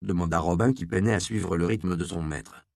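A low-pitched male narrator reading a historical novel in a measured, steady way. His voice carries a gravelly texture. The recording is close and dry, with no room sound. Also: no room sound. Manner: measured storytelling. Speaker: audiobook narrator. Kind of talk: scripted narration.

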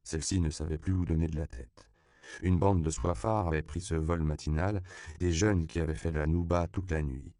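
A man with a very deep, gravelly voice reads a novel aloud in measured scripted narration. His tone is dark yet smooth, recorded close and dry. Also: fairly even intonation, no echo. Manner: measured, storytelling. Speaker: audiobook narrator.

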